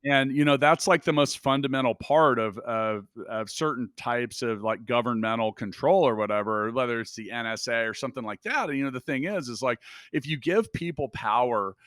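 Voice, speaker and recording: A man in a casual podcast chat, ranting with blunt, profane emphasis. His voice sits at an ordinary middle pitch. The recording is dry with no room sound. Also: a little fast, hardly any pauses, no echo. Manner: emphatic and profane, animated asides. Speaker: podcast co-host.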